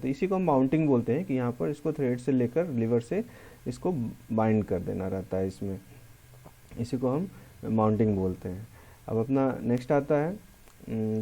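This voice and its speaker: A man's voice: medium pitch, dark tone. A man with a Hindi accent, a pharmacy lecturer explaining a lab experiment step by step, often repeating key terms. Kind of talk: classroom lecture walkthrough.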